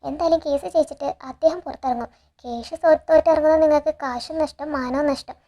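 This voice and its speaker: A woman's voice: sits high, quick pace, dark tone, natural voice. A woman voicing a scheming young woman who persuades a family with money. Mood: persuasive.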